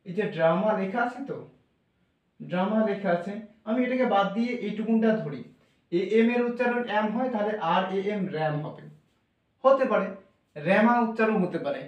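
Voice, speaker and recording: High-voiced man teaching pronunciation, echoey. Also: highs cut off. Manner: patient, repetitive, sounding out letters slowly. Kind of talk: classroom explanation. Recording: echoey room from far off.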